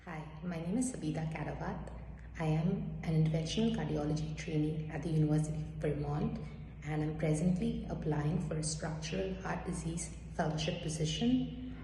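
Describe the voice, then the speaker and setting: A woman cardiology trainee introducing herself in a steady, formal way. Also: low voice, fairly quick, slight background noise. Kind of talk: self-introduction. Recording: echoey room.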